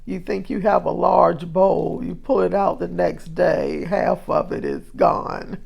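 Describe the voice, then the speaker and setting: A woman's voice: on the low side, vocal fry, breathy edge, dull audio. A woman chatting in a homey, casual way while demonstrating a recipe in her kitchen, with frequent fillers. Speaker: cooking vlogger.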